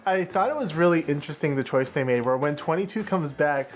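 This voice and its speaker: A man's voice: on the high side, animated, a little fast, soft background music. A young man co-hosting a comedic film review, speaking with dry, mock-serious sarcasm. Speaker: comedy film critic, co-host.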